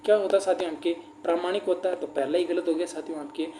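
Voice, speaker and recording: A man's voice: high-pitched, fairly even intonation, fast. Man teaching with roomy echo. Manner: repetitive, keeps asking the class rhetorical questions; addresses listeners as friends and brother. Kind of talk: exam-prep grammar class. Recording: roomy echo, faint background noise.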